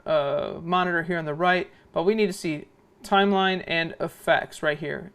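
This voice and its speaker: A man whose voice is noticeably high, smooth and clear narrates a software tutorial as a video editing instructor. His explanation is informal and goes step by step, with frequent little checks for understanding tagged onto his points.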